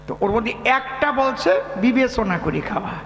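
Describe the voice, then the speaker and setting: A man's voice: very high voice, moderate pace, a bit bright. A man from West Bengal, a folk poet-singer telling a comic story live on stage, chatty and full of asides to the audience. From West Bengal, India. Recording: echoey hall with faint music.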